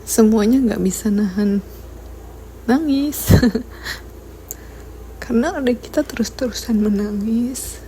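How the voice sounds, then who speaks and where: A young woman from Indonesia narrating a casual vlog, soft-spoken and given to small laughs. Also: a little high, slow pace, pauses often, slight background noise. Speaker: vlogger.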